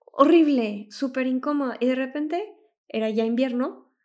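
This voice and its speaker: A young woman chats on a podcast with a slightly high voice. She tells her story in a lively way, acts out what other people said and laughs often. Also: normal speed. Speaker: podcast co-host. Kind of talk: casual chat.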